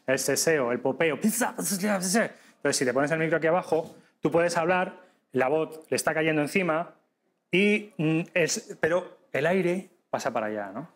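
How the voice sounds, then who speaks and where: Guy running a podcast workshop, kinda high voice, lively, keeps asking the room stuff. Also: unhurried. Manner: lively, demonstrative, addresses audience directly with frequent tag questions. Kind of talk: live workshop talk.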